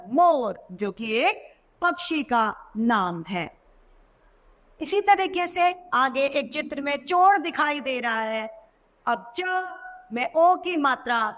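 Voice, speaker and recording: A woman teacher narrating a children's language lesson, slow and emphatic, stressing key words in a sing-song way. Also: high voice, a bit bright. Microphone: voice-over.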